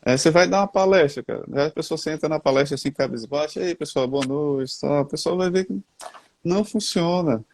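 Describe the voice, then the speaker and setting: A man's voice: fairly high pitch, fast, vocal fry, a little hiss or hum. A man with a Brazilian Portuguese accent, chatting casually and folksily about communication, talking to listeners on a headset. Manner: talkative, folksy, addresses the audience as "gente" and "cara". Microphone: headphones.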